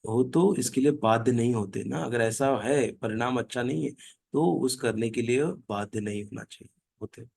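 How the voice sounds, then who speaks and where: A man's voice: mid-range voice, vocal fry, a little mellow, no room sound. Dry-sounding man explaining verses in a reading group. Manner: chants verses slowly, then explains in casual talk. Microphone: online video call.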